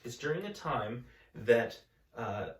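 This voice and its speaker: Speaking slowly and at a medium pitch, a male elementary school teacher shares a picture book with his students. He reads in a gentle, calm way and adds chatty comments for the kids.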